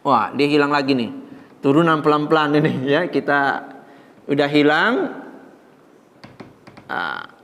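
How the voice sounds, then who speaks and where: Man, high voice, religious teacher, patient step-by-step grammar lesson, reassuring, long hall reverb. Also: very animated, measured pace, long pauses, a bit bright. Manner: patient, reassuring, with light joking asides; explains step by step while writing on a board. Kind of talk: Islamic study class teaching Arabic grammar.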